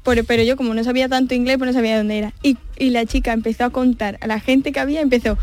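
A woman's voice: on the high side, fairly even intonation, a little mellow. A woman, a guest chatting about learning languages. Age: 20s. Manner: quick chatty with fillers. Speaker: guest, English teacher. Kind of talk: casual interview chat.

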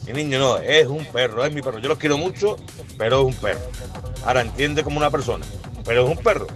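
A man's voice: mid-range voice, quick pace, music in the background. A man from Málaga province, calling a radio show with blunt opinions. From Málaga province, Spain. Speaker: radio caller.

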